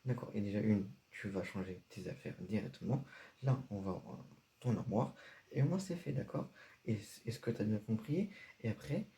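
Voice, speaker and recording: A man's voice: on the low side, lively intonation, moderate pace, vocal fry, dark tone. A man playing a strict, stressed father who scolds his son in a homemade comedy sketch, repeating himself a lot. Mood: stern.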